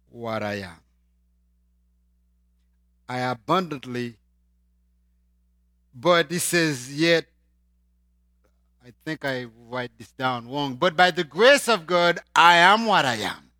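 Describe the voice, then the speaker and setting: A Haitian man with a Haitian accent preaches a sermon, swinging from loud, emphatic lines to quiet asides. His voice is a little high, and the recording is dry with clean studio sound.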